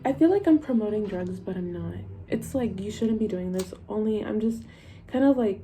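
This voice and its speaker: A woman's voice: mid-range voice, lively intonation, normal speed, dark tone, a little hiss or hum. A young woman talking casually to camera in a stoned, rambling stoner manner, informal and sweary as she chats through getting ready. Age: young adult. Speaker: vlogger. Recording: music playing behind the voice. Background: music.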